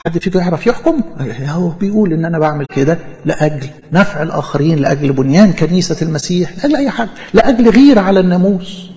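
A man's voice: high-pitched, lively intonation, fast, few pauses, dark tone. A man preaching a sermon in Egyptian Arabic, talking conversationally and acting out imagined speakers in church. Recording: muffled audio with long hall reverb.

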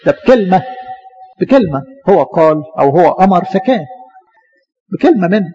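A man with an Egyptian accent preaching a sermon, animated and full of rhetorical questions. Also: sits high, a little fast, lo-fi sound. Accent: Egyptian Arabic.

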